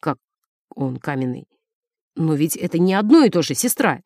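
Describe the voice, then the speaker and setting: A woman's voice: deep voice, big pitch swings, normal speed, darkish tone, no echo, studio quality, full character voice. Woman doing a flustered, alarmed priest. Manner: stammering, frightened, then blustering. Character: flustered village priest, man, easily alarmed. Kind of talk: audiobook character voice.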